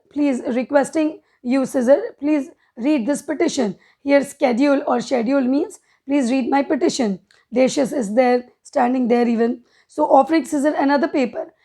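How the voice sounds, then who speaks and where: A woman's voice: high voice, warm tone. A woman teacher explaining a play line by line, reading each quote and then paraphrasing it, with frequent fillers and self-corrections.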